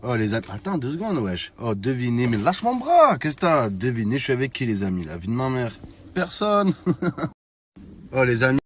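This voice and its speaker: A man's voice: medium pitch, sing-song, moderate pace, slight background noise. A man doing a casual comic rant to his followers, slangy, teasing and exclamatory. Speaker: social media comedian.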